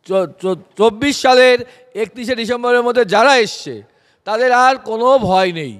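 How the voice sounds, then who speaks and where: A man speaking as a political figure, calmly explaining a policy step by step and advising his listeners directly. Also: high voice. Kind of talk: public statement on a policy. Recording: long hall reverb.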